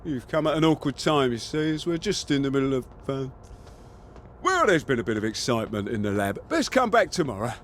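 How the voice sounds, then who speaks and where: A man's voice: mid-range voice, big pitch swings, a little fast, a bit bright, slight background noise. An actor playing a flustered, evasive British man guarding a laboratory in a video game, wordy, hesitant and falsely breezy. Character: flustered, evasive, officious male laboratory gatekeeper. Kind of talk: video game character dialogue.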